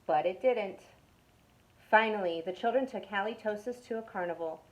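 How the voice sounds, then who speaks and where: Expressive woman reading a children's story. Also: mid-range voice, moderate pace, low-quality recording. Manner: expressive, drops to a whisper for suspense. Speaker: youth club storyteller. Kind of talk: reading a picture book aloud to children.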